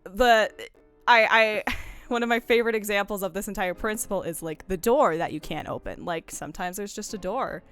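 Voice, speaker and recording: This woman's mid-range voice is smooth and a bit bright, moving at a moderate pace with soft music in the background. She hosts a game discussion stream, talking casually about video games in a rambling, digressive way full of self-interruptions.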